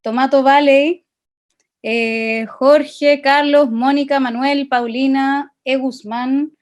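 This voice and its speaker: A woman with a Chilean Spanish accent leads an informal online masterclass over a video call, chatting with participants in a friendly, interactive way. Her voice is high, fairly even in intonation, and slow.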